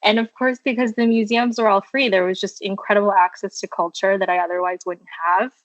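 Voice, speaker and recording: Woman podcast guest recorded at home, thoughtful and unhurried, dead-dry muffled audio. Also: mid-range voice, fairly even intonation, dry recording. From Washington, D.C. area. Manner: reflective, with frequent ums and soft laughs. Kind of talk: casual conversational storytelling. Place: her childhood bedroom at home.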